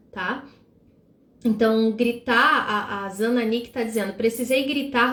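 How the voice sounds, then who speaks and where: Animated woman teaching, roomy echo. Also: on the high side. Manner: animated and expressive, acting out examples. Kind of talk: live-streamed devotional teaching.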